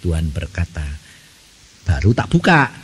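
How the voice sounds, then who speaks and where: A middle-aged man with a Javanese accent preaching a sermon, telling stories in a lively way and often asking the congregation questions. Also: low voice, unhurried, breathy edge. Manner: animated storytelling, asks the congregation questions. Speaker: evangelist preacher. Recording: reverberant church hall.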